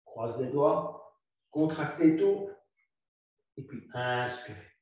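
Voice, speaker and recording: Calm yoga teacher man in an echoey room. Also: medium pitch. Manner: calm, instructive, repeats cues slowly. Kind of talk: guiding a yoga flow class. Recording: very echoey room, voice far from mic.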